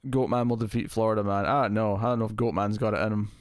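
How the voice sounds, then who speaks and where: A man with a fairly low voice hosts a casual live stream. He rambles easily as he answers viewers and thinks aloud. The sound is close and very dry, heavily compressed so that his level stays constant. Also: fairly even intonation, quick pace, smooth, no room sound. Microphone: close streaming mic with compressor.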